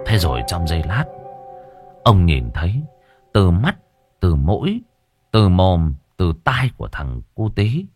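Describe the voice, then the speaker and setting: A man narrating a ghost story in a low voice that swings widely for suspense and drama. The recording is dry and close, with no room sound around him. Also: no echo.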